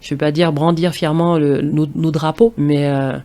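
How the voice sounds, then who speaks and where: A woman's voice: low voice, flat delivery, normal speed, mellow. A woman from Martinique, a former professional basketball player, talking as a podcast guest in a thoughtful, restarting way, full of fillers. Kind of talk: casual interview talk.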